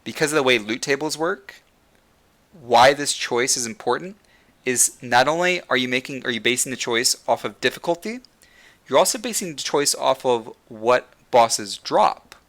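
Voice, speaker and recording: A man's voice: medium pitch, animated, normal speed, a bit bright. A man hosting a casual gaming discussion, rambling with many fillers and restarts, saying he is losing his voice. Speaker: podcast host.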